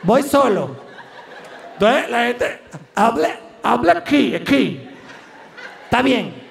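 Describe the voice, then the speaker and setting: A Venezuelan man doing live stand-up comedy, telling stories animatedly with a high, gravelly voice. He is recorded from a distance in a large, echoey venue with faint noise behind him. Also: sing-song, slow pace.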